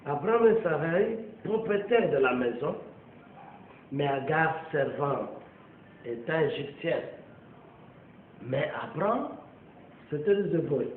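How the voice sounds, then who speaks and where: Slow, emphatic man preaching in an echoey room. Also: a little high, lively intonation, slight background noise. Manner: slow, emphatic preaching with long pauses and frequent "amen". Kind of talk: sermon. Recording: echoey, tinny lo-fi phone-like recording.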